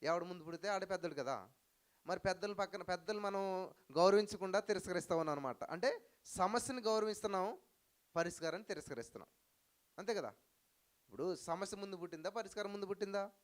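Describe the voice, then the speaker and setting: A male pastor preaching a sermon to a live congregation, with rhetorical questions and loud hallelujah cries. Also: high voice, fast, long pauses. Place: church hall with live audience.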